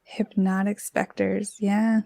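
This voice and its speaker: A woman's voice: medium pitch, flat delivery, takes it slowly, vocal fry, dark tone. A woman co-hosting live commentary on a card game match, giving thoughtful, analytical takes and hedging as she talks through them. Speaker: co-host and commentator.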